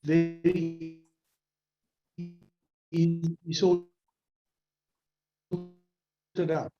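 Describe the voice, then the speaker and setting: A man's voice: on the high side, monotone, very slow, warm tone, faint music behind. Man on a glitching, breaking-up call. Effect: glitching, breaking-up audio. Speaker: webinar panelist answering questions. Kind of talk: online webinar Q&A. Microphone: video call. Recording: dull lo-fi video call audio.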